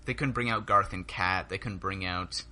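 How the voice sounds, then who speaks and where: A man hosting a casual comedy podcast, steering the talk with quick questions. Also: low-pitched, bright, forceful tone. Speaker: podcast host. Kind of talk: casual chat.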